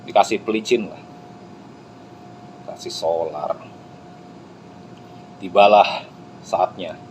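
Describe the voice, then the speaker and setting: A man telling a motivational fable in a lively, chatty way with asides to his listeners. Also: low-pitched, slow, a little hiss or hum, rough recording. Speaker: motivational speaker. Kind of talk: motivational storytelling.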